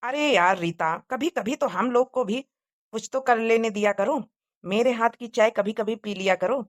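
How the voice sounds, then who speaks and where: An easygoing young cartoon husband, as a woman voices him gently coaxes his family. The voice sits fairly high and sounds close and dry. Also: normal speed, dry recording, lightly acted. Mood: coaxing. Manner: coaxing, gentle. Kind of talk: Hindi cartoon moral-story voice acting.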